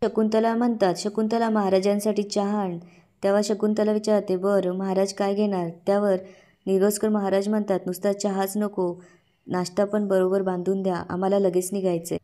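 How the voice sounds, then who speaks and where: A woman tells the story of a TV serial episode as a recap, keeping the narration in a fairly level, flat pitch. Her voice is dark and mellow, and she leans into the quoted dialogue with extra emphasis. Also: moderate pace.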